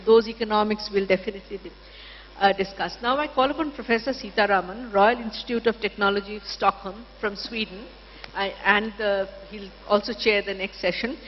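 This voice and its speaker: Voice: medium pitch, steady tone, a little fast. Conference chair, formal introductions, reverberant and dull hall sound. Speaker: session chair.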